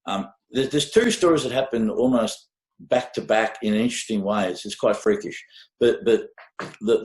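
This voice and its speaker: A man's voice: on the low side, a little mellow. An Australian man in his fifties, a podcast guest telling stories in a rambling, hesitant way, with lots of fillers and casual swearing. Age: 50s. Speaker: podcast guest, music mastering engineer. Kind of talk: casual conversational interview. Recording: echoey room sound.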